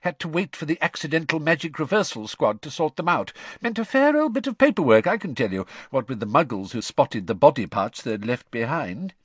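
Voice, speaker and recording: Sex: man. Figure: a man playing a cheerful middle-aged father. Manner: chatty, matter-of-fact, lively. Quality: slightly husky. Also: a little high, brisk, few pauses, no echo, voice pushed up.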